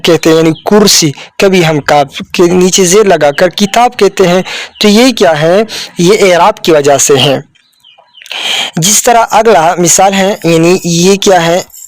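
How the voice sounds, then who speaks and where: A man's voice: high-pitched, no echo. A man teaching a children's Urdu lesson, who addresses the listener as a child, asks questions and answers them himself, and repeats words often.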